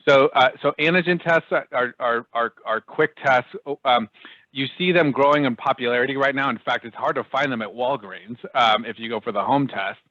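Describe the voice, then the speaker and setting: A man's voice: medium pitch, moderate pace, sharp tone, dry recording. A man on a video call, explaining public health testing with many fillers and restarts. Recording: dull, dry video call audio.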